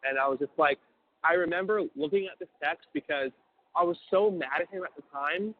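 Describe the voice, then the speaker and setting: A man's voice: fairly high pitch, brisk. A young man telling a long story over a prison phone call, cursing freely and stumbling over restarts. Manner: profane, stammering restarts, acts out quoted voices. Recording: tinny prison phone line.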